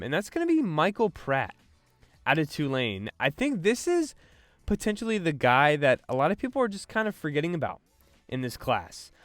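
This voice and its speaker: A man's voice: medium pitch, a bit bright, smooth, no room sound. A man hosting a sports podcast, breaking down draft prospects in a loose, casual way with lots of fillers and restarts. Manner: loose, filler-heavy delivery with frequent restarts.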